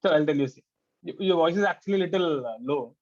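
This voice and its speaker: A man delivers a class lecture in a fairly high voice. He keeps it conversational, tossing rhetorical questions at his students. The recording sounds dull and lo-fi. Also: expressive, quick pace. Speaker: teacher.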